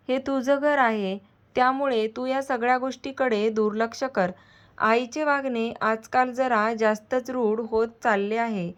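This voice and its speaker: A woman's voice: a little high, lightly acted. Woman reading as a hot-tempered young nephew.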